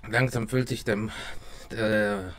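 Halting man, mouth burning from spicy food. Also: on the low side, steady tone, a bit bright, a little hiss or hum. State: mouth watering and burning from chili. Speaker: vlogger doing a hot chili taste test. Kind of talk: casual talk to camera. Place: small dim room at home. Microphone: close desk microphone with pop filter.

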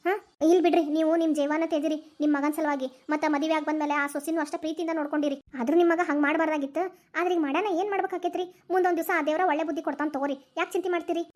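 A woman's voice: sits high, fairly even intonation, rapid-fire, darkish tone, lightly acted. A woman voicing a kind middle-aged woman who consoles her friend, in a Dharwad Kannada accent. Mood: consoling. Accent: North Karnataka Dharwad Kannada. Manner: soothing, coaxing. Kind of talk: cartoon voice acting.

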